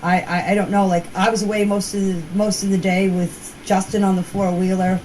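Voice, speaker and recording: This older woman talks a little fast in a mid-range, level, darkish voice. She hesitantly and repetitively recounts events in an informal, first-person way through phone voice messages, and the recording is noisy and amateur.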